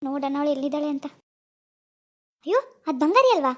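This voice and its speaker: Caring cartoon schoolboy, put on by a woman: high voice pushed lower, quick, concerned. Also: animated. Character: caring teenage schoolboy boyfriend. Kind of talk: cartoon voice acting.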